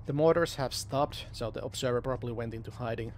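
A man's voice: mid-range voice, fast talker, darkish tone. A man talking tactics as a squad member in a military simulation game, over voice chat. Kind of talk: tactical game chatter, switching between Finnish and English. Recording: game voice chat with background noise.

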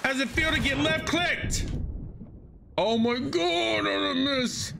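A man in his thirties with a very high, gravelly voice speaks slowly while live-streaming a game through a headset mic, with background noise audible. He chats casually, repeats his phrases, and swears. He mentions he is losing his voice and keeps coughing.

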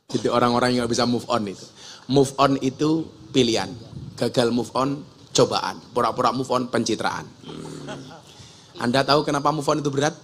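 Bright, lively man preaching. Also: mid-range voice, a little hiss or hum. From Java, Indonesia. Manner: joking, animated, acts out regional dialect voices. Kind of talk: humorous religious sermon.

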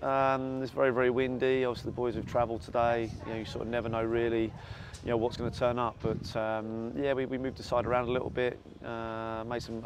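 A football manager with a medium-pitched voice gives a post-match interview at night in the stands of an outdoor stadium. He talks quickly, repeating himself and using many fillers. The audio comes from a lapel mic and is noisy and windy.

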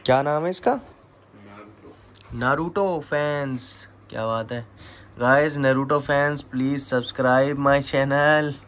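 A man's voice: medium pitch, a little slow, a bit bright. A young man filming a casual home vlog, chatting to the camera and cooing baby talk to his pet parrots. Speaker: vlogger.

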